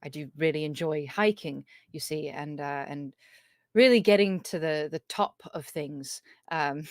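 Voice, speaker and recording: Woman playing a halting, low-voiced injured woman hiker. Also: no echo, clean studio sound. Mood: hesitant, evasive. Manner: halting, hesitant, politely apologetic. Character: injured, evasive woman hiker with patchy memory.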